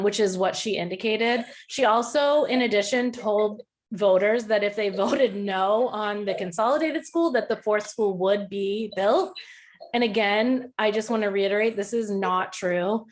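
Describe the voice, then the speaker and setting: A woman calling in to give a public comment, her phone voice played over a speakerphone and picked up again in the meeting room; she speaks earnestly and hesitantly, with many fillers. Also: medium pitch. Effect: phone voice played on speakerphone and re-recorded in the meeting room. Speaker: caller giving public comment.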